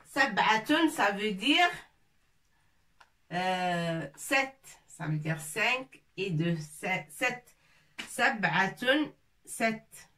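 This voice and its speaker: A woman's voice: medium pitch, animated, extremely slow, bright, forceful tone, recorded from a distance. A woman teaching a lesson, patiently repeating each word and breaking it into syllables. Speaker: Arabic teacher. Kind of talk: slow spelled-out language lesson.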